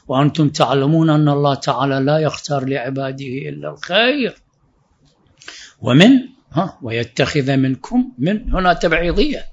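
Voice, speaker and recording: A man's voice: a little high, slightly rough. A man giving a religious lecture, explaining verses point by point and rising for emphasis. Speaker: preacher. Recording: dull lo-fi recording.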